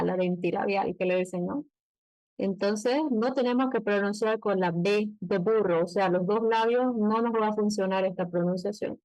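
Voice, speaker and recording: A woman with a Bolivian Spanish accent, teaching an English pronunciation lesson and slowing down to model phrases. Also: mid-range voice, a little mellow, dry recording, poor audio. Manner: explains patiently, slows down to model English phrases.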